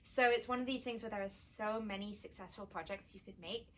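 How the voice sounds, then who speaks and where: A woman's voice: mid-range voice, a little fast, a little hiss or hum. A woman co-hosting a knitting podcast, explaining practical yarn tips in casual chat. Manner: practical, explanatory, warm agreement. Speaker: podcast co-host, yarn shop owner.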